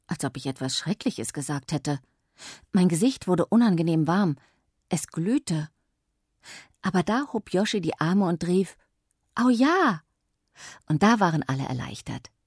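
Woman, children's audiobook narrator, low voice, husky, dry close sound. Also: no echo. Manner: calm, clear storytelling in first person.

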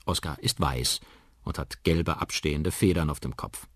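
A man narrating a children's story on the radio in an expressive, vivid way. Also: very deep voice, moderate pace, husky, no echo, clean studio sound. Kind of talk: children's audiobook reading.

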